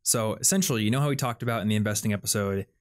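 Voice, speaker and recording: A young man with a fairly low voice talks very fast as he hosts a casual podcast chat. He explains ideas in a chatty way, leaning heavily on fillers like "like" and "um."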